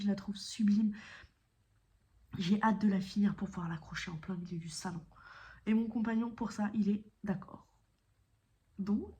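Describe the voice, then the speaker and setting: A cross-stitch video creator with a mellow, medium-pitched female voice chats casually about her cross-stitch projects. She rambles with lots of fillers and self-corrections, sometimes dropping to a whisper.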